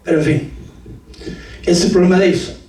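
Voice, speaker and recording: High-voiced preaching man in an echoey hall. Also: brisk. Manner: lively preaching with jokes and shouts, addresses the congregation as brother. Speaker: pastor. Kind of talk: sermon. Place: church hall. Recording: echoey church hall from far off.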